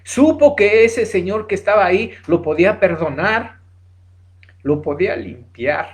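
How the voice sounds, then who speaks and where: A man's voice: high-pitched, lively intonation, a little slow. A man preaching a sermon, reading scripture aloud and then expounding it with rhetorical questions, addressing listeners as brothers.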